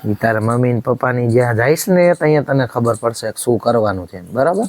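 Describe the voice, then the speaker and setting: A man's voice: mid-range voice, lively intonation, a little fast, darkish tone, no room sound. Man, angry husband in a home drama, scolding and accusatory, keeps demanding "right?".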